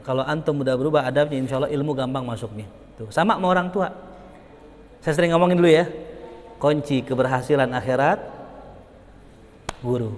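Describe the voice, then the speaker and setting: A young man giving an informal religious study lecture, animated and chatty, acting out little dialogues and chuckling between points. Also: long reverb tail, a little hiss or hum. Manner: animated, acts out dialogues with big pitch jumps, chuckles often. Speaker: religious teacher.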